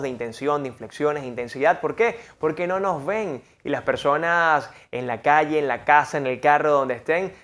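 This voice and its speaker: A man coaching on the voice, teaching a lesson and acting out examples with big swings in tone and emphasis. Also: on the high side. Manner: expressive, demonstrates voices with big shifts in tone. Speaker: voice and speaking coach. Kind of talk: lesson on vocal technique.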